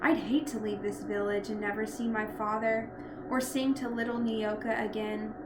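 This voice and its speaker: A woman voicing a kind, gentle young woman from a storybook, earnest and full of wonder. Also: medium pitch, flat delivery, normal speed, reverberant, noisy background, lightly acted. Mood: wistful. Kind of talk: storybook character voice.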